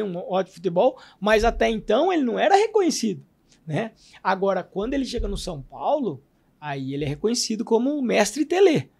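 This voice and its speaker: Middle-aged Brazilian man, former pro footballer as guest; high, gravelly voice; animated storyteller. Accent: Brazilian Portuguese. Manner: animated storyteller, acts out his coach's shouts. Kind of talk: casual interview storytelling.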